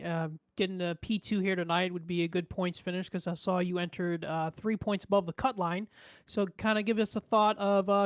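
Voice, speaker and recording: A man interviewing a driver after a race, asking steady, formulaic questions. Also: high voice, smooth, dry recording. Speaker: pit reporter.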